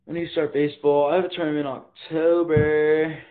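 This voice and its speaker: Holding his phone at arm's length in his bedroom, this teen livestream host talks fairly quickly in a higher-than-average voice with a level tone. His speech is relaxed and full of slang as he reads out viewers' comments, and the sound is thin and phone-like.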